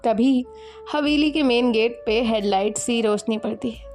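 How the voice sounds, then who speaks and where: Higher-voiced woman narrating a love story. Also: measured pace, a little mellow, faint music behind. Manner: voices all characters in the same lightly acted tone.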